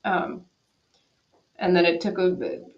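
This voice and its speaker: A woman from Quebec, Canada, a cellist, is interviewed casually over a video call from her home in Berlin, answering thoughtfully and often restarting her sentences. Her voice is fairly low with big pitch swings, her pace slow, and the audio sounds dull.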